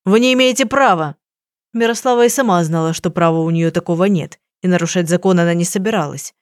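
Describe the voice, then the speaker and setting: Low-voiced woman narrating an audiobook. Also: fast talker, darkish tone, no echo, studio quality.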